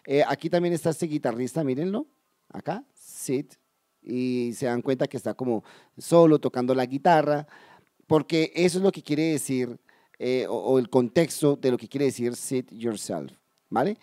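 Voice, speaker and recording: A man teaching English in a video lesson, explaining step by step, addressing viewers directly and slowly repeating key words. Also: medium pitch, dark tone, dry recording, studio quality. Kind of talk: video lesson for Spanish speakers.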